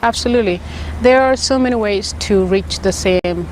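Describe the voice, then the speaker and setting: A woman from South Sudan, a guest author on a radio interview, speaking in a measured, earnest way with frequent fillers. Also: mid-range voice, darkish tone, a little hiss or hum, rough recording.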